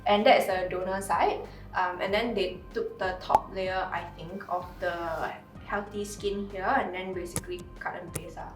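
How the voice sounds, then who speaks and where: A woman, telling her own story as an interview guest, soft-spoken and halting, with many fillers. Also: lowish voice, fairly even intonation. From Singapore. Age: 20s. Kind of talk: personal story in a sit-down interview. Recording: roomy sound from a distant mic, music behind.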